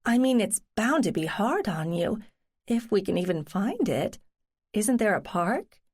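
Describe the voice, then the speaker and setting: A woman, a cozy mystery narrator, voicing a supportive woman companion who asks questions with gentle concern. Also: mid-range voice, sing-song, a little slow, slightly rough. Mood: concerned, dry.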